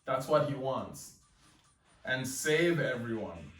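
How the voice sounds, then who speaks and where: A young man reacting live to a webcomic chapter as he reads it, excitedly narrating and exclaiming "yo" often. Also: mid-range voice, takes it slowly. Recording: echoey room, mic at a distance, faint music.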